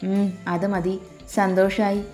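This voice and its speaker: A woman's voice: mid-range voice, little pitch movement, takes it slowly, mellow, faint music behind, lightly acted. Woman playing an affectionate old grandmother. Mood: tender. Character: loving old grandmother, protective of her granddaughter.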